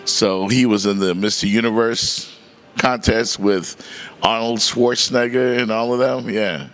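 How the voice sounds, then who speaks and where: Relaxed middle-aged man, low voice. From Miami, family from the Bahamas. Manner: easygoing, chuckling, drawn-out fillers. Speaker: sports reporter and podcast host. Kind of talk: casual interview. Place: bright indoor room by large windows. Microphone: handheld mic.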